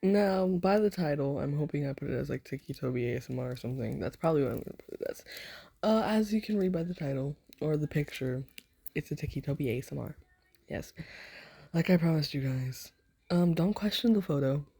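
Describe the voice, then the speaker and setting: A woman chatting casually before an ASMR role-play, rambling and soft-spoken, sometimes slipping into a whisper. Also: low voice, fairly quick, gravelly, breathy edge. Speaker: ASMR voice actor.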